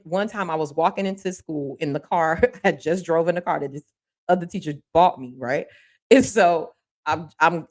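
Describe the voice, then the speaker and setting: Blunt, candid woman telling stories. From Miami, Florida. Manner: candid and blunt, swears freely, animated rises in pitch. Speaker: podcast host. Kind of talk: casual commentary monologue.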